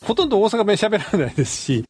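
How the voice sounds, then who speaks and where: A man with a Kansai accent hosting a casual film chat, chatty and quick with backchannels. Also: high-pitched, sing-song, darkish tone, breathy edge, faint music behind. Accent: Kansai Japanese. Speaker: podcast host.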